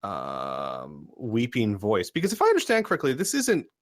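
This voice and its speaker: A man's voice: on the low side, wildly swooping pitch, normal speed, no echo. Casual male gamer in a dry room. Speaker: tabletop game player. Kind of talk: casual game-table chat.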